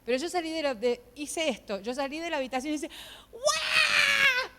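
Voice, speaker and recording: A high-pitched woman pastor tells her story from the pulpit, her voice swinging between loud outbursts and hushed moments. Her preaching is emotional and animated, and a long reverb hangs behind every phrase in the large church hall. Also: fast, a little hiss or hum. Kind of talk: sermon testimony. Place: church sanctuary.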